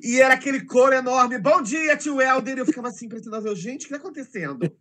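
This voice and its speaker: A middle-aged Brazilian man, a teacher appearing as an interview guest, tells emotional stories about teaching children in a casual conversation and acts out their voices. He talks fast in a very high, fairly bright voice.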